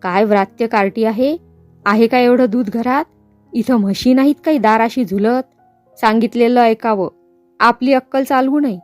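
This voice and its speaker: A miserly, short-tempered middle-aged shopkeeper, read by a woman in an audiobook, blustering and scolding. The voice sits high and sounds dry and close. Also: moderate pace, darkish tone, no room sound, faint music behind, natural voice. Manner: blustering, scolding, then fawning.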